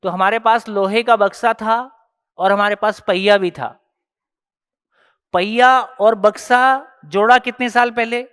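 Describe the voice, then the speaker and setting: A man runs a workshop in a large hall, his smooth, resonant voice sitting high and a bit bright. Casual and conversational, he walks through everyday examples step by step while repeatedly challenging the audience with rhetorical questions.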